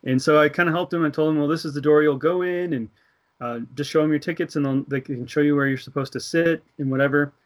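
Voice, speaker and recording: A fast-talking man with a voice on the high side and fairly even intonation tells an earnest personal faith story during casual religious conversation. He's American, in his thirties, laughs now and then, and acts out the voices of the story's characters.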